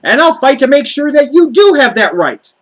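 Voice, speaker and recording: A man's voice: very high voice, very animated, moderate pace, poor audio. An American man delivering an angry, profane political rant to camera, stressing his words heatedly. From United States. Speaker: video blogger.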